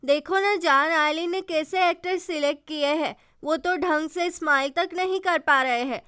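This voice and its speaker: A woman's voice: sits high, moderate pace, pushed and bright, dry recording, clean studio sound. A woman voicing a complaining young female producer in a retold drama.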